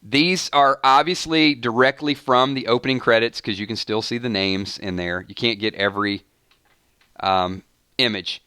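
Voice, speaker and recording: Reading the chat on his fan channel's live stream, this man talks casually with viewers at a normal speed, often stopping mid-sentence for "hold on" and "wait a minute." His mid-range voice is pushed, bright and smooth, with fairly even intonation. The studio sound is clean, with no room sound at all.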